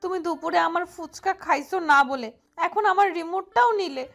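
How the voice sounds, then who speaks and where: A woman's voice: very high voice, normal speed, creaky, a bit bright, faint music behind, full character voice. A woman voicing a hot-tempered, bratty young woman who scolds in a snappy way in an audio love-story drama. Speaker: voice actor.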